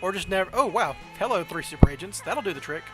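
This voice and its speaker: Thinking out loud and doubting his own choices, a Southern-accented game streamer from the southern US chats casually while playing a card game live. His high voice is expressive and fast, set over music.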